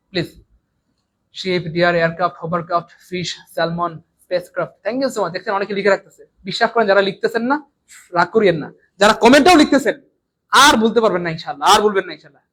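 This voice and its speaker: A man with a Bangladeshi Bengali accent teaching an English exam lesson live online, repeating and drilling words and swinging between loud and soft. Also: high voice, rough recording.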